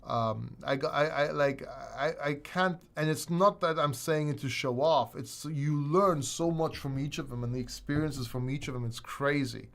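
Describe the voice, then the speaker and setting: A middle-aged British man with an accent blending British and American hosts a crypto livestream, reading viewer comments in casual chat. His voice sits on the high side with vocal fry, moving at a moderate pace with few pauses. He rambles, swears casually, and restarts his sentences a lot.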